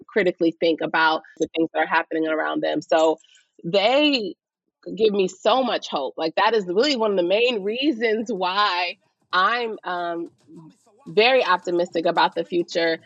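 A woman's voice: fairly low pitch, fairly bright tone, no echo, muffled recording. A woman teacher, giving thoughtful, earnest and passionate interview answers. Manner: earnest, passionate about students. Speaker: high school or college teacher.

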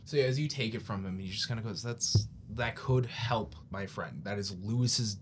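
A man's voice: lowish voice, moderate pace. A man casually playing a tabletop role-playing game and narrating his character in a mild, hesitant way. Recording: clearly noisy room recording.

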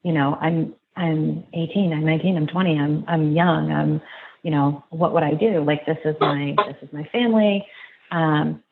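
A woman guest in an interview, reflecting slowly and haltingly, restarting her sentences. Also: sits low, steady tone, vocal fry. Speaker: podcast guest. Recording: tinny phone-like line, faint noise.

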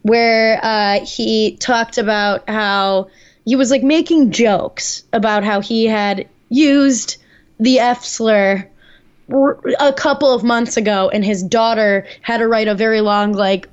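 A woman co-hosting a podcast, chatting casually with a slightly high voice. She talks loosely and leans on "like" as she goes. The recording sounds a little dull and lo-fi. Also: steady tone, slow pace, clean tone. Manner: chatty, heavy use of "like". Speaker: podcast co-host. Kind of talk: casual chat.

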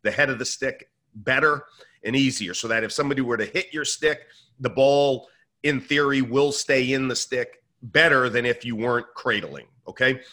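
A middle-aged man from the Northeastern US, a guest telling lively stories and acting out dialogue to explain leadership ideas. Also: mid-range voice, normal speed. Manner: energetic, acts out dialogue with kids. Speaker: podcast guest, leadership author. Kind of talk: animated storytelling in conversation.

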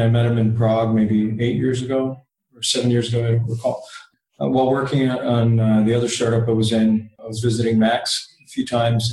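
Guy answering interview questions, chatty, average pitch, echoey room. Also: darkish tone. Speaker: interview guest, startup sales and partnerships lead. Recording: roomy, echoey sound.

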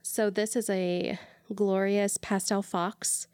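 A woman co-hosting a podcast, chatty and animated but tired, telling stories in a casual, self-deprecating way. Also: mid-range voice, slow pace, clean tone, dry recording, clean studio sound. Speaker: podcast co-host. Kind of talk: casual chat.

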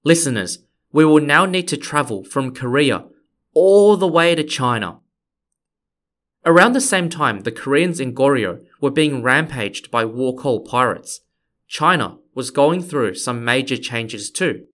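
A man's voice: medium pitch, animated, measured pace, fairly bright tone. A man hosting a history podcast, reading scripted narration with playful, conversational asides to his listeners.

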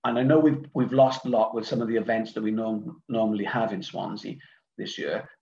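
With a lowish, dark voice, a steady tone and a fairly quick pace, this middle-aged man from Cardiff, Wales, chats casually as a podcast guest who organises events. He rambles hesitantly, restarting often and filling gaps with ums and uhs. He's on a remote online call, heard through dull, lo-fi audio.

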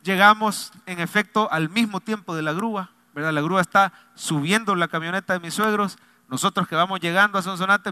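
A man's voice: high-pitched, sharp tone, clean tone, no echo. A man, a pastor preaching a sermon and telling a personal story in a confiding, joking way. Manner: humorous, confiding, addresses congregation directly.

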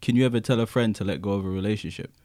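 A young man with a London roadman accent and slangy, expressive delivery, chatting casually in a group. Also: fairly low pitch, racing. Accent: London, urban roadman slang speech. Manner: slangy, expressive, tags questions with innit and fam.

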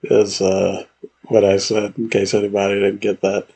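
A man co-hosts a podcast in relaxed chat, throwing in jokes and laughing at his own puns. His voice sits low. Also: moderate pace, breathy edge. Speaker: podcast co-host. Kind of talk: casual chat.

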